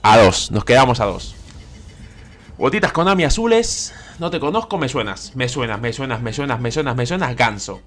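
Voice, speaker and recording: Excitable man narrating a game. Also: medium pitch, fairly quick, hardly any pauses, faint music behind. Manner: animated, repeats phrases, cries out at big pulls. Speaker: gaming YouTuber. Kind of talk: excited gameplay commentary. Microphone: desk microphone.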